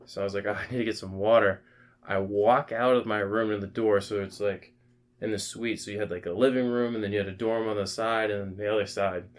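On his podcast, a young male co-host rambles through a rowdy, profane party story, peppering it with "like" and "man." He speaks briskly in a lowish voice with fairly even intonation.

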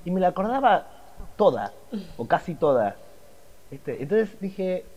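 An Argentine man in his thirties with a raspy, smoker-like morning voice, chatting casually as a podcast panelist. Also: sits high, sing-song, measured pace, a little mellow, highs cut off. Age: 30s. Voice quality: raspy, boozy-sounding morning voice. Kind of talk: casual film chat.

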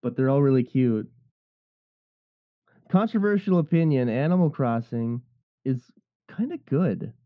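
A man's voice: mid-range voice, animated, unhurried, long pauses. Rambling young man on a muffled call. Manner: rambling, jokey, lots of fillers. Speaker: voice actor. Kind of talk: casual group chat.

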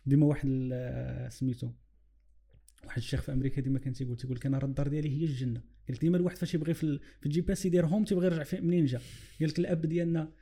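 A man's voice: fairly high pitch, fairly even intonation, racing, creaky, warm tone. A man with a Moroccan Arabic accent reflecting on religion in conversation, illustrating with examples and mixing in English phrases. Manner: mixes English phrases into his speech.

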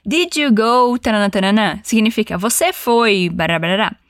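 A woman teaching an English lesson, giving encouraging prompts and modelling phrases slowly for the listener to repeat. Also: mid-range voice, fairly bright tone, no echo, clean studio sound.

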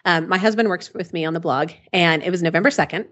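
A woman's voice: fairly low pitch, quick pace, fairly bright tone, dull audio. A woman interview guest talking casually and informally, in a self-mocking storytelling style. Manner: informal, self-mocking, acts out remembered dialogue. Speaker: interview guest, blogger and author.

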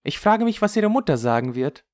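A woman's voice: low voice, very animated, moderate pace, pitched above the performer's own voice. A reader voicing Rirette, a serious and disapproving young woman who asks insistent questions, in an audiobook. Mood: earnest. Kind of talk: audiobook character voice.

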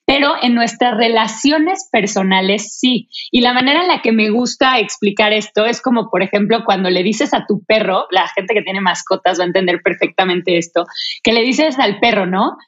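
A woman's voice: mid-range voice, normal speed, a bit bright, lo-fi sound. A woman, a communication coach, explaining her ideas in a casual podcast chat and acting out quoted phrases.

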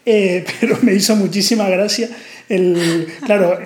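This Canarian man, co-hosting a casual podcast, has a high voice and a slightly slow pace. His storytelling is thoughtful and hesitant, sprinkled with fillers, and his Canary Islands Spanish accent comes through amid a roomy echo.

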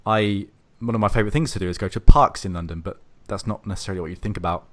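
A man hosting an interview, asking questions and sharing views in an unhurried, casual way. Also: lowish voice. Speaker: host.

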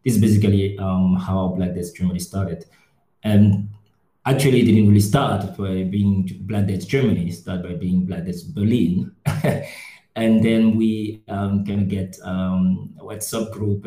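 A man from Cameroon, a podcast guest, speaking casually and hesitantly with many pauses and fillers. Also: lowish voice, mellow, echoey room. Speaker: podcast guest, group founder. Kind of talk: casual discussion.

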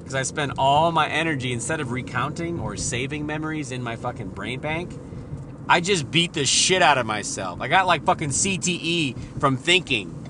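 A man's voice: medium pitch, expressive, normal speed, noisy background. A married man hosting a solo podcast, talking in a casual, profane, rambling and self-deprecating way. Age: adult, married father. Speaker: podcast host.

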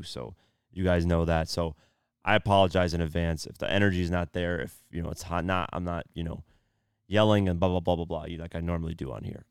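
On his own solo podcast, a tired young man is losing his voice and keeps the energy low, talking casually in a laid-back, subdued way full of fillers like "you know" and "um." His voice has vocal fry and is smooth. The sound is clean studio quality without echo.

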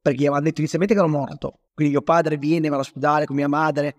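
A young man from Naples, an interview guest, telling a personal story in a rapid, animated way, often correcting himself. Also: a little high, no room sound, clean studio sound. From Naples, Italy.

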